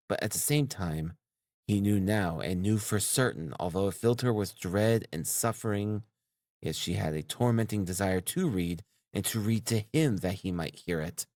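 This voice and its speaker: A man reading a novel aloud as an audiobook narrator, in a measured, even delivery. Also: on the low side, no room sound.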